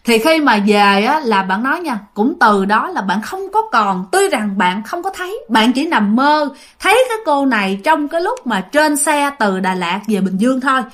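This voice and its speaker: A woman tells a ghost story, chatty and informal. She keeps turning to her listeners as she goes. Her voice sits a little high. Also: sing-song, moderate pace, hardly any pauses, fairly bright tone.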